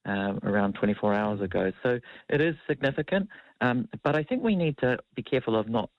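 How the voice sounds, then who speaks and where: A man, a foreign policy analyst speaking in a measured, hedging way with frequent ums and uhs, heard with a tinny radio-speaker sound. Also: mid-range voice, animated, dry recording. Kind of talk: radio news interview. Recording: dull lo-fi dry radio sound.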